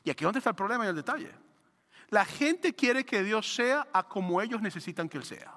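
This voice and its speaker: A man preaching a sermon as pastor, swinging between loud declarations and hushed, slow passages. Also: high voice, lively intonation, big-room sound.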